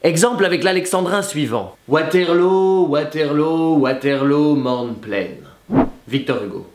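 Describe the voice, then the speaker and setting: A man's voice: fairly high pitch, animated, unhurried. Playful man explaining over music. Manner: playful, theatrical when reciting verse. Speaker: presenter. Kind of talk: explanatory lesson with playful examples. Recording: echoey room with music behind.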